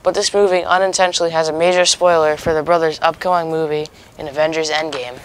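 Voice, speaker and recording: Young student co-anchor with a medium-pitched voice. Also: fairly even intonation, fast, slight background noise, poor audio. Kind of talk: scripted mock newscast reading.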